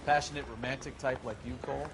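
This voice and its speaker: A mid-pitched man an actor as a wry police partner in a 1940s detective game. He is dry, teasing and sardonic, with clear outdoor street noise behind. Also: steady tone, quick pace, close to an everyday voice. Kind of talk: 1940s police drama video game acting.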